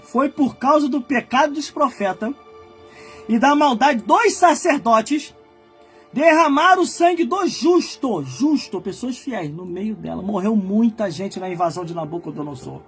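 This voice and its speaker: A Brazilian man in his forties preaching a fiery sermon, shouting and exhorting his listeners. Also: very high voice, animated, measured pace, slightly rough, soft background music. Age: 40s. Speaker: pastor.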